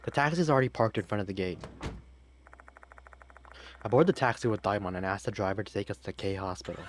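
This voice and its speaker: A man playing a horror video game, reading the narration aloud in a low-key way with casual comments in between. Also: a little fast, background noise. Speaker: let's play gamer.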